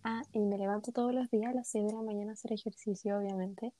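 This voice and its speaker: A woman's voice: medium pitch, fairly even intonation, fast, dark tone, no echo. A young woman with a Chilean accent, co-hosting a casual podcast, hesitant and self-deprecating, with many fillers. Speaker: podcast co-host.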